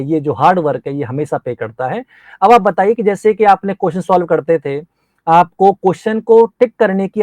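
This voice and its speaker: A man's voice: on the high side, darkish tone, dry recording. A man coaching nursing exam students, interviewing a top scorer in an earnest, encouraging, teacherly way. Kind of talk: motivational interview.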